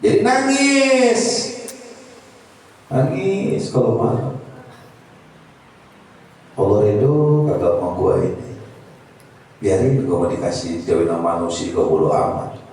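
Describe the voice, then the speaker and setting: A man preaching a casual Islamic sermon, swinging between high pleading cries and low confiding asides. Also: animated, slow pace, pauses often, darkish tone. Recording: very echoey, voice far from the mic.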